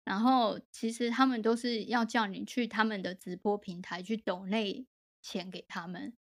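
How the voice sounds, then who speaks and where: A woman co-hosting a podcast, telling a friend's story in animated, casual chat with English words mixed in. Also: mid-range voice, moderate pace. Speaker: podcast co-host.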